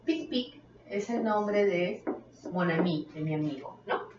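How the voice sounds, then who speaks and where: A woman's voice: on the low side, slow, background noise. A woman teaching French vocabulary to children, who speaks Spanish as her first language and talks patiently, asking questions and repeating the phrases. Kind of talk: classroom lesson. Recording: roomy, distant, dull sound.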